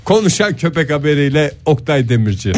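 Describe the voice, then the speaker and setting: A man hosting a morning radio show, tossing in quick playful quips and teasing questions. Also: fairly high pitch, big pitch swings, a little mellow, soft background music. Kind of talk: joking morning radio banter.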